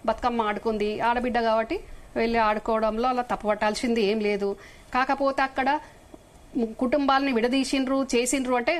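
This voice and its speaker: Fast, high-voiced accusing Telangana woman. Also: steady tone. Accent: Telangana Telugu. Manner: emphatic, accusing, rapid rhetorical questions. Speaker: debate guest. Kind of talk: heated live TV debate.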